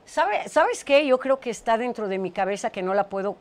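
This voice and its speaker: A woman's voice: fairly high pitch, animated, normal speed, darkish tone. Chatty woman host translating for a guest. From Portugal. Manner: chatty, repeats words while translating. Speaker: talk show host. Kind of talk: casual chat, interpreting for a guest. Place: small studio set with brick wall. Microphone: lapel mic.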